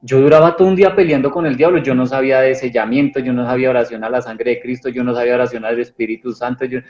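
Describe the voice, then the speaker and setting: A man's voice: medium pitch, steady tone, fast, a little mellow. Earnest man telling his story. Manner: earnest, rambling, with many restarts. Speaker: guest giving a testimony. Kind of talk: personal testimony in an interview. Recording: dull lo-fi sound with faint music.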